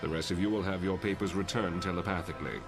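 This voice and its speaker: Man as stern professor, low pitch, formal, measured, lecturing, lofty, motion comic, music behind. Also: fairly even intonation. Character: stern, lofty male professor, leader of mutant pupils.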